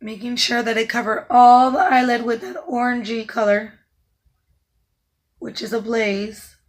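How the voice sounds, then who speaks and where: Her voice pitched a touch high and naturally raspy, this makeup artist is hoarse, her sound dropping in and out as she guides viewers through a tutorial. She keeps a measured pace, stays calm and instructive, and murmurs soft asides while working.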